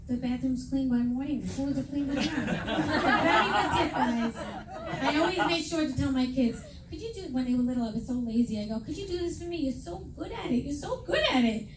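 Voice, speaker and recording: Here the New York comic talks a little fast in a high, animated voice, landing self-mocking punchlines and raising her voice to quote the people she impersonates. It's a brash stand-up set by a middle-aged woman before a live crowd. The distant, echoey recording picks up background noise and loud laughter.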